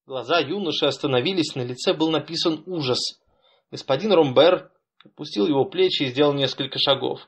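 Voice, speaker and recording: Male audiobook narrator, measured, somewhat high voice. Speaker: audiobook reader. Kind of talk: scripted narration.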